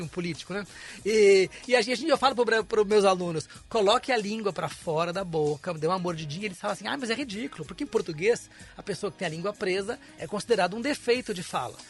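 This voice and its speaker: A man's voice: high voice, a bit bright. A man, an English teacher, explaining pronunciation as a guest on a radio interview in a studio. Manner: explanatory, demonstrates sounds.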